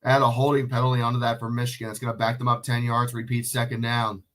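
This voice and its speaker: In a fast, monotone, mid-range voice with a fairly bright tone, a sniffly, sick livestream commentator does solo play-by-play of a football game. He's casual and chatty, swearing and fielding questions from chat.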